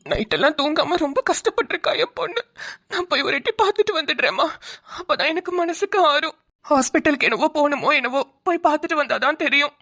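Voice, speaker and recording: A woman's voice: sits high, animated, fast, fairly bright tone. A woman voicing a fussy, doting middle-aged mother-in-law in a cartoon, fretting dramatically. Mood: fussing. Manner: fretful, doting, dramatic worry. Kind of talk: cartoon voice acting.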